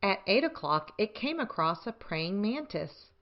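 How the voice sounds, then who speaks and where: A woman's voice: mid-range voice, very animated, a little slow, lo-fi sound. A woman narrating a children's picture book aloud as a scripted story reading.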